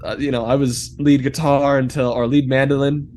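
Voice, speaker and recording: A man voicing a laid-back, apologetic undead corpse musician in a tabletop game, speaking in halting, hesitant phrases. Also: mid-range voice, little pitch movement, a little mellow, natural voice. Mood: wistful, casual. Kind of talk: in-character tabletop role-play. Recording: clear background room noise.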